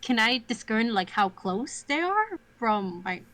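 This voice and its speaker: A woman's voice: a little high, sing-song, a little slow, fairly bright tone. A woman playing a tabletop game, curious and tentative in casual chat. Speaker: player.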